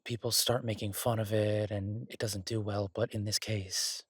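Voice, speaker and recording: Playing a laid-back, earnest chef boyfriend in an intimate audio roleplay, this man sounds casually enthusiastic. He speaks haltingly in a husky, reassuring tone that sits on the low side with little pitch movement, in a dry recording.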